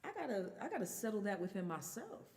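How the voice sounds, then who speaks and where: A woman's voice: mid-range voice, sing-song, fast, a little mellow, in a large hall. A woman in her thirties telling a personal story candidly in a casual chat as a guest. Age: 30s. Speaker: guest singer.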